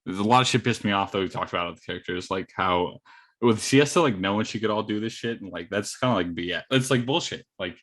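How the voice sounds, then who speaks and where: A man's voice: on the low side, fast, a bit bright. A man co-hosting a casual podcast chat, agreeing often and swearing casually. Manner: agreeable, frequent "yeah", swears. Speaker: podcast co-host.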